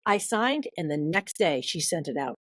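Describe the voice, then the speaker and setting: A woman guest on a podcast telling a long personal story in casual conversation, acting out quoted voices with big jumps in pitch. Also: very animated, normal speed, dry recording.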